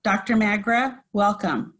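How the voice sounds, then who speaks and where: A woman formally introducing a guest speaker, reading a measured prepared text. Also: medium pitch, poor audio. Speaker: society regent introducing the speaker.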